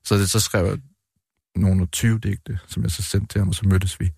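Man, middle-aged, very low voice, monotone, hesitant, dry close sound. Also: creaky, husky, no room sound. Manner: hesitant, restarts, calm measured reading. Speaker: guest poet. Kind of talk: interview then reading poems aloud.

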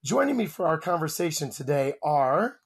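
A man's voice: a little high, big pitch swings, normal speed, slightly rough. A man hosting a podcast panel discussion, upbeat and inviting. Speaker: podcast host. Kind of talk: casual chat.

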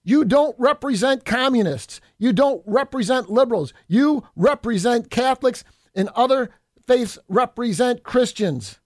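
A man's voice: very high-pitched, animated, measured pace, darkish tone, no echo, studio quality. A middle-aged man from New York State, a state assemblyman hosting a political podcast, delivering a combative, folksy monologue and calling listeners folks.

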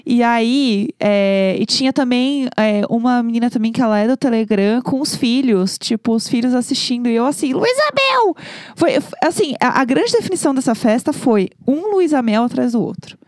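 A woman's voice: a little high, normal speed, hardly any pauses, no room sound, clean studio sound. A young adult woman with a Brazilian Portuguese accent, co-hosting a casual chat and telling stories animatedly. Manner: animated storyteller, acts out her own shrieks. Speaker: podcast co-host.

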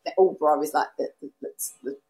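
A woman with a fairly low voice and a strong flavour of Essex in her accent. She talks as an interview guest in a casual, chatty way, circling back over phrases and quoting people as she tells her story. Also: fairly even intonation, fast talker, darkish tone. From East London and Essex, England. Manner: chatty, repeats herself, acts out quoted remarks. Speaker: podcast guest, serviced accommodation host. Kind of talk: casual anecdotal interview chat.

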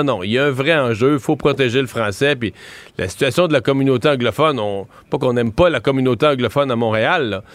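A man's voice: medium pitch, no echo. A man with a Quebec French accent giving conversational political analysis as a commentator, explaining his points in a colloquial, emphatic way.

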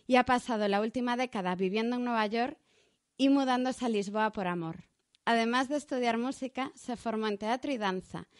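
A woman hosting a podcast, introducing a guest in a friendly, smooth manner. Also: on the high side, no room sound, studio quality. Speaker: podcast host.

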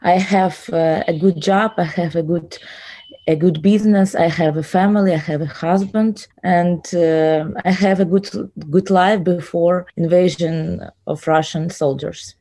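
A woman from Ukraine speaking English with a Ukrainian accent, answering interview questions haltingly with many "uh" fillers. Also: lowish voice, steady tone, warm tone. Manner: hesitant, many pauses and "uh" fillers. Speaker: interview guest.

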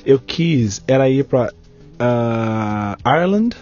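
A man from Nigeria with a Nigerian accent, a podcast guest telling stories in a lively way, laughing and restarting often. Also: medium pitch, slow, soft background music. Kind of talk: casual storytelling. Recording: dull lo-fi podcast recording.

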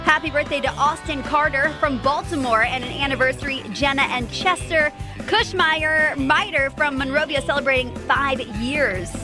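A woman's voice: sits high, normal speed, music in the background. An American woman hosting a morning radio show, with upbeat local chat and contest patter.

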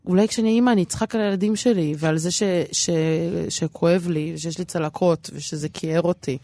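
A woman's voice: lowish voice, mellow, no room sound. A woman with an Israeli accent talking casually as an interview guest, in a rambling, self-deprecating, repetitive way. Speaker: stand-up comedian, interview guest.

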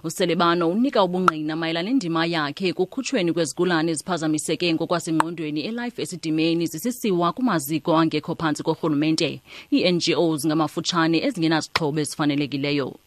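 A woman's voice: low voice, fast talker, few pauses, dry recording. A woman reading a scripted radio news bulletin.

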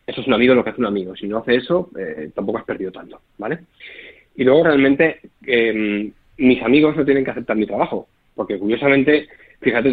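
Fast, husky man, poker coach type, keeps checking you follow; tinny phone-like sound. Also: fairly low pitch. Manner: fast, explanatory, checks with listener. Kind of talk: podcast interview.

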